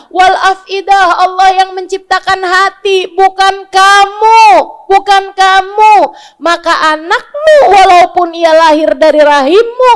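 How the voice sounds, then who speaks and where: A woman in her forties from Indonesia preaching a sermon, scolding her listeners with blunt rhetorical questions and chanting verses in Arabic. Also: very high-pitched. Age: 40s.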